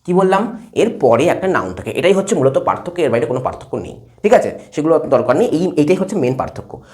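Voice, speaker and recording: A man teaches English grammar, writing on a board as he goes. His pitch swings widely and brightly, and his delivery is animated. He keeps stopping to ask his class whether the point is clear. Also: fast talker. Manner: lively, asks checking questions again and again. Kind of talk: classroom lesson at a whiteboard.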